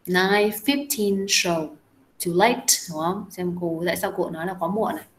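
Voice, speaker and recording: A woman's voice: lowish voice, steady tone, fast, rough recording. A young adult woman teaching an English class. She explains each phrase step by step. She keeps coaxing her students with repeated questions.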